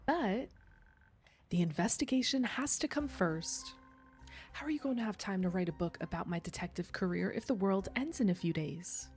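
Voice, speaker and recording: A woman's voice: mid-range voice, lively intonation, moderate pace, a little mellow, soft background music, natural voice. A woman voicing a boastful, upbeat detective with a bubbly manner, reading visual novel dialogue.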